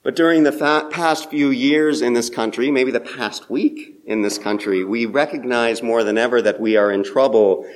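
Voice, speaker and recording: A man delivering a sermon as minister, leading a guided meditation with measured, rhythmic repetition of phrases. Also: mid-range voice.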